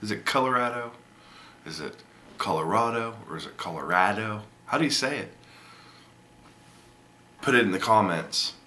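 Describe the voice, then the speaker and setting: Deep bright-toned rambling man. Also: big pitch swings, moderate pace, pauses often, slight background noise. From Indiana, USA. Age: 30s. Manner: rambling and musing, many ums and restarts. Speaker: vlogger. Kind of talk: casual video update.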